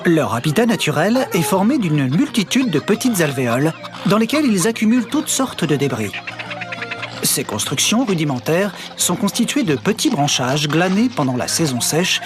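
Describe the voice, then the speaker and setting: Solemn nature documentary narrator, highish voice. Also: male voice, very animated, over music. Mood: solemn, fascinated. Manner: measured, solemn, storytelling delivery.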